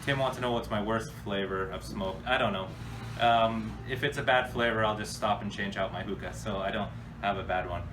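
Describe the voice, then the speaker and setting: This American man has a fairly low voice and talks fairly quickly while answering viewer questions. His off-the-cuff Q&A chat is casual, blunt, and full of slang. The mic sits at a distance, and background noise is clearly audible.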